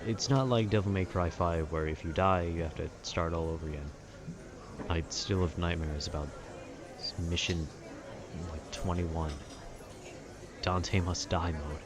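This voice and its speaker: With a low, fairly even voice and a measured pace broken by long pauses, a man drifts casually through video game talk in informal slang. He comes across as an amateur host improvising, with outdoor city background noise around him.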